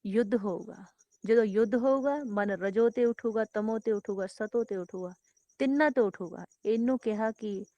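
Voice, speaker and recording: A woman preacher giving a devotional sermon, slowly chanting scripture lines and repeating phrases with rising emphasis. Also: medium pitch, darkish tone, no echo. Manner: repetitive, rising emphatic exhortation. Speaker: Sikh preacher giving katha.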